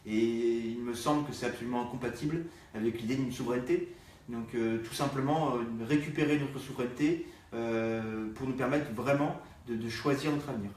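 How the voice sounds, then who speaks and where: A man, a party activist, speaking in a live political discussion, halting with many fillers. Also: medium pitch, a little mellow. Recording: distant echoey room sound.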